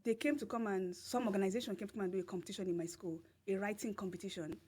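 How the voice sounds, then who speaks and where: A woman with a Nigerian accent rattles through a personal story very fast in a steady, medium-pitched voice that's a little mellow and breathy at the edges. As a guest in a casual podcast interview, she repeats phrases emphatically and laughs along the way.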